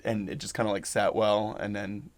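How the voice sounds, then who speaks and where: Man from new orleans, keyboard player, halting casual talk, flat low voice. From New Orleans, USA. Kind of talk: casual chat.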